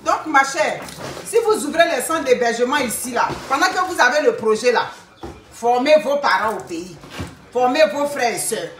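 A woman's voice: high voice, animated, normal speed, fairly bright tone, distant mic. A middle-aged woman, hosting a casual livestream and pleading with her viewers, repeating herself and talking to them directly. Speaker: livestream host recruiting workers. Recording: echoey room, voice away from mic, faint noise.

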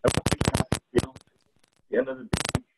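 A man's voice: brisk, heavy background noise. A man on a video call giving interview advice with hesitant ums, his audio glitching, buzzing and cutting in and out. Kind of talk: casual video-call chat.

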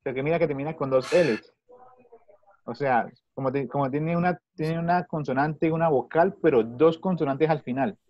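A man teaching children over a video call, asking the same question again and again with patience. His voice comes through dull and slightly muffled, and it sounds very dry and close. He speaks at an everyday middle pitch. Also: moderate pace, dry recording. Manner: patient, repeats questions to pupils. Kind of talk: online English class taught in Spanish.

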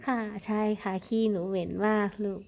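A woman talks to her pet cat in soft, hushed baby talk. Her voice sits at an everyday middle pitch, and she speaks gently and quietly throughout. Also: flat delivery, normal speed. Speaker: cat owner vlogger.

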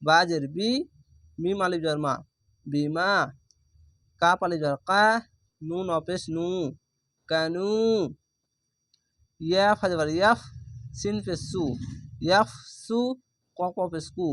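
A man's voice: high voice, fairly bright tone, dry recording, studio quality. A man teaching Quran reading, patiently spelling out each syllable letter by letter and explaining the rules as he goes. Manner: spells out syllables slowly and methodically.

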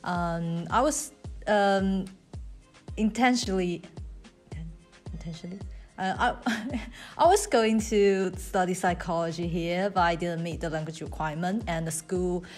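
A young woman from China answering interview questions hesitantly, with many pauses and fillers. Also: lowish voice, soft background music. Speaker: interviewed student.

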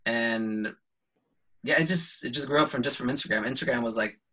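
Man, bright voice, hesitant, filler-heavy, casual video call guest, laptop mic. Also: medium pitch, a little fast, low-quality recording. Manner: hesitant, full of fillers and restarts, laughs lightly. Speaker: photographer guest.

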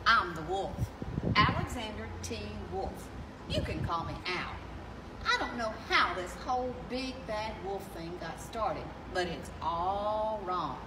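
A chatty storybook wolf played by a woman reading aloud pleads his case with mock innocence. The delivery swings in pitch, conversational and animated. It is heard from some distance outdoors, with echo and clear background noise. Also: unhurried. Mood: defensive, chatty. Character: chatty, self-justifying wolf telling his side. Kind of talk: children's picture-book read-aloud. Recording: distant mic outdoors, noisy, echoey ambience.

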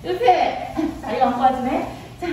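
A woman voicing a vain, flirtatious general's wife who coaxes sweetly and then turns shrill and accusing. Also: a little slow, background noise. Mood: coaxing. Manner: coy wheedling calls, then shrill tearful accusation. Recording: echoey room, voice from far off.

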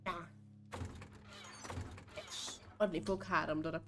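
A woman chatting casually with friends while playing a survival game, quick to react and playfully complaining. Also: fairly low pitch, fairly even intonation, a bit bright, faint music behind. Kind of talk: casual gaming chat.

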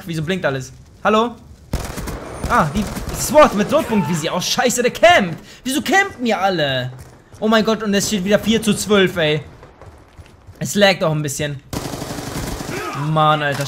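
Slangy, high-voiced young gamer guy. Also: moderate pace, long pauses, a little hiss or hum. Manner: slangy, swears and trash-talks; excitable outbursts. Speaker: let's play host. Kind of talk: casual gameplay commentary.

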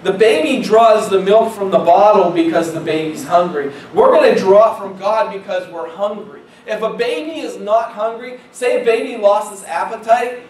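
High-voiced pastor preaching in an echoey church. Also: male voice, moderate pace, hardly any pauses, darkish tone, distant mic, a little hiss or hum. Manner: conversational preaching, repeats phrases, asks congregation questions. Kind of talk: sermon. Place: church sanctuary.

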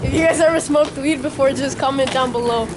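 A man's voice: extremely high pitch, steady tone, brisk, heavy background noise. A teenage boy joking and teasing his friends outdoors, caught on a handheld camera. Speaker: friend on the trip. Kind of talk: casual chat. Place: outdoors at a school and park.

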